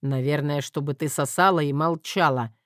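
A woman's voice: low voice, moderate pace, no room sound, clean studio sound, voice pushed down, close to an everyday voice. A woman voicing a terse, commanding young husband in an audiobook. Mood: gruff. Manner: curt, commanding.

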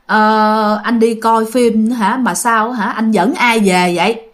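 A woman's voice: fairly high pitch, steady tone, slow pace. Puzzled rural wife, uneasy, questioning, Southern Vietnamese accent, a woman retelling.

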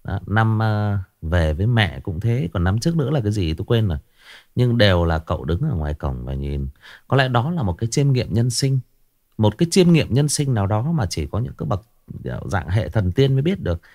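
A man narrating a story in a lively, expressive way, then chatting casually to listeners with many fillers. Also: on the low side, brisk, no room sound, studio quality.

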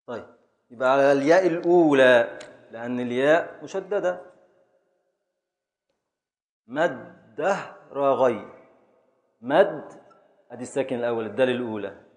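A man with an Egyptian Arabic accent, teaching a class as a sheikh, slowly chanting syllables of poetic meter and calling on students by name to answer. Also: mid-range voice. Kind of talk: classroom lesson, quizzing students.

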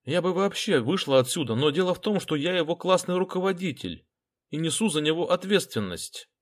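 A man's voice: a little high, lively intonation, fairly quick, pitched above the performer's own voice. A man voicing a composed, contemptuous woman schoolteacher. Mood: cool. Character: cool, haughty woman schoolteacher.

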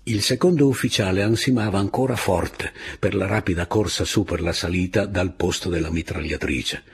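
A man reading a novel aloud as an audiobook narrator, with expressive, dramatic storytelling. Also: sits low, moderate pace, slightly rough. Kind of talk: scripted literary narration.

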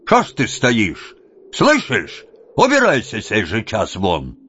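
A man's voice: on the low side, wildly swooping pitch, slow, pitched above the performer's own voice, heavily acted. Man doing a furious young blacksmith. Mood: angry. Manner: shouting gruff commands. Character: young burly village blacksmith, angry and rough. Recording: dull lo-fi audiobook, faint music.

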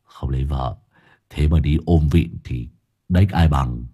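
A man voicing a cheeky young rascal who teases in a low, sly voice, in a comic audio story. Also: unhurried, mellow, breathy edge, full character voice. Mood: teasing.

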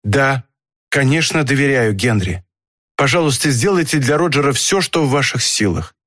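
A man reading an audiobook, voicing an anxious, gentle woman who pleads and protests. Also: medium pitch, animated, moderate pace, dry recording, clean studio sound, lightly acted. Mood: firm.

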